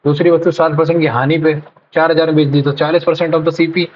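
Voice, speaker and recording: Solving a live mock test, a male exam tutor speaks fast at a fairly high pitch with little movement in his intonation, muttering numbers, self-correcting, and dropping in English terms as he works the math aloud. There's a little hiss or hum on the dull, lo-fi recording.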